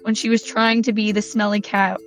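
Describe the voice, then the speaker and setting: A woman with a hoarse, croaky, slightly squeaky voice, chatting enthusiastically through a podcast intro. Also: little pitch movement, brisk. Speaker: podcast host. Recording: dull lo-fi sound with soft music. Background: faint background music.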